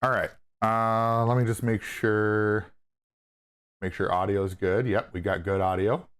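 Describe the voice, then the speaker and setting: A man's voice: fairly low pitch, flat delivery, a little slow, a bit bright, clear, resonant tone. A man streaming casually in a groggy morning voice, rambling upbeat into a lapel mic. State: low morning voice. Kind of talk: casual livestream chat.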